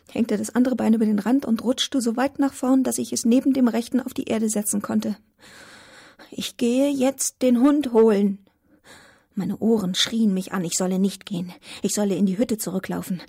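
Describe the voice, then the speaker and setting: A woman reading a first-person story aloud in a calm, measured audiobook narration. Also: on the high side, gravelly, husky.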